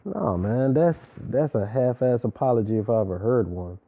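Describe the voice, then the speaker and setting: With an animated, mid-range voice at moderate pace, a man offers a slangy, emphatic and opinionated recap of a reality show, sprinkled with preachy asides. The audio has a tinny, phone-like quality.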